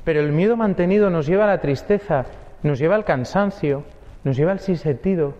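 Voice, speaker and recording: A man's voice: a little high, fairly quick, warm tone, reverberant, big-room sound, muffled recording. A man, a priest giving an earnest sermon that speaks straight to each listener. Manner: earnest, addresses listeners directly.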